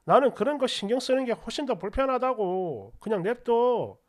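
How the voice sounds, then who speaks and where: A woman's voice: fairly high pitch, sing-song, normal speed, darkish tone. A woman voicing a stubborn, considerate husband. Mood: defensive. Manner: insistent, arguing back. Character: exasperated adult husband, considerate but stubborn.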